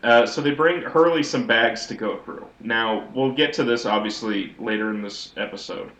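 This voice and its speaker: A man's voice: medium pitch, normal speed, a bit bright. A man co-hosting a podcast, giving a wry, rambling recap of a TV episode in casual chat. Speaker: podcast co-host. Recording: echoey audio, as if in a sewer.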